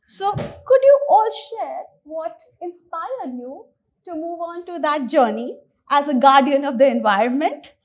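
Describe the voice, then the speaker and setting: Lady moderator, high voice, talks slow and formal w a few ums. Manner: measured, formal, with fillers. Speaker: panel moderator. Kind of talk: moderating a panel discussion.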